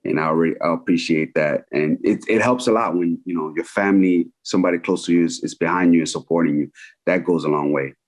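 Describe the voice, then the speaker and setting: Man in his 40s, husky, low voice, animated, repeats himself, casual interview guest. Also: fairly quick. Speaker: guest filmmaker.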